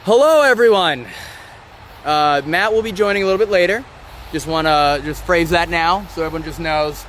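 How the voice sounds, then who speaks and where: Excitable man live-streaming outdoors. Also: on the high side, brisk, slight background noise. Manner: excitable, rambling, emotional. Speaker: ghost-hunting channel host. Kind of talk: live-stream vlog address. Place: outdoors by a rock wall during a thunderstorm. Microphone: phone or camera on a live stream.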